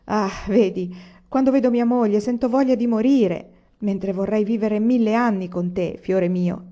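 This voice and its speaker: A woman's voice: mid-range voice, moderate pace, warm tone, natural voice. A woman reading the part of a young man in love, pleading tenderly in a storybook. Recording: slightly dull lo-fi recording.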